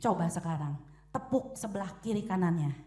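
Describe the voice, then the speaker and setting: A young woman preaching a lively sermon in a church hall, acting out quotes and echoes. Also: on the low side, fairly quick.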